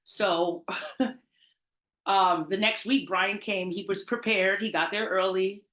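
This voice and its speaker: A middle-aged woman from the Bronx, New York, a party promoter appearing as an interview guest, tells stories in a casual interview, speaking slowly in a medium-pitched voice. She's animated and chatty, laughs often, and trails off into restarts. The room is echoey.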